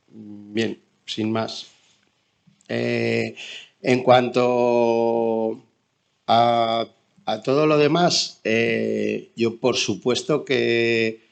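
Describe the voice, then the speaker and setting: A man with an accent from Spain gives spontaneous testimony as a bereaved father, in quiet, subdued grief, halting and searching for words with many pauses. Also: mid-range voice, gravelly. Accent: Spanish from Spain. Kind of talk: spontaneous testimony at an online talk.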